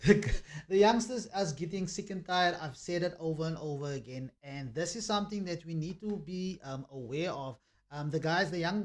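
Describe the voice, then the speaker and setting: A man giving a preachy commentary monologue, repeating himself and filling pauses with ums. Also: a little high. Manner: preachy, repetitive, with many fillers.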